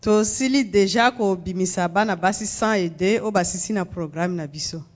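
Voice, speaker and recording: Fast-talking woman from Congo. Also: mid-range voice, highs cut off. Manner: measured, pausing for interpreter. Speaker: guest speaker. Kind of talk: speaking in phrases for interpretation. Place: church sanctuary.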